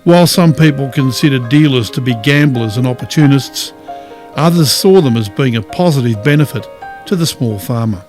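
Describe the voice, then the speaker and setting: A man's voice: mid-range voice, moderate pace, a little mellow. A man with an Australian accent reading scripted documentary narration. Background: music.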